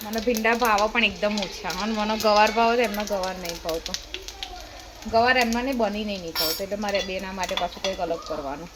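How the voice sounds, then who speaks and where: A woman's voice: mid-range voice, steady tone, quick pace, heavy background noise. A woman in her thirties, a mother chatting casually in a home vlog, teasing and scolding her kids as she talks. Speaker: vlogger and mother.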